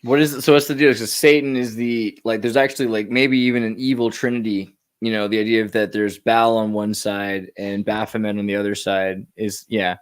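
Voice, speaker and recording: Smooth-voiced chatty podcast man. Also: lowish voice, steady tone, a little fast, few pauses. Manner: upbeat, chatty, lots of "like" and "you know". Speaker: podcast co-host. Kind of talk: casual podcast discussion.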